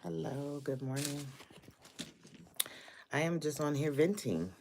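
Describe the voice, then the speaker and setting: Slow, gravelly woman venting on a live stream. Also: low voice, noisy background. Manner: frustrated, repeats greetings and complaints; swears freely.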